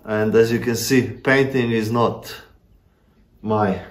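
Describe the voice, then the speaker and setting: Holding his phone camera at arm's length, a man in his thirties who vlogs about homesteading chats casually and self-deprecatingly while working, with many fillers. He speaks slowly in a lowish, steady voice inside an echoey stone shed with faint background noise.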